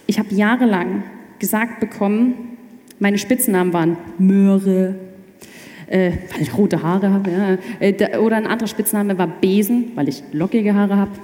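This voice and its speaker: A young woman telling her faith story in casual chat, animated and quick to restart her sentences. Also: mid-range voice. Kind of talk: personal testimony in casual chat. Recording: echoey room with long reverb.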